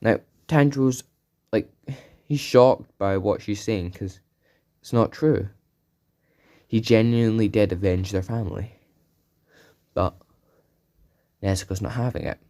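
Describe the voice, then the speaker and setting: A man's voice: lowish voice, unhurried, long pauses, a little mellow. A man casually telling an unscripted fan story, rambling and correcting himself as he goes.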